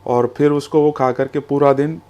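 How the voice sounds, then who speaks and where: A man's voice: medium pitch, steady tone, moderate pace, dark tone, clear, resonant tone. Man explaining his food business. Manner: explanatory, storytelling, mixes English phrases into Hindi. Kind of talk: business interview.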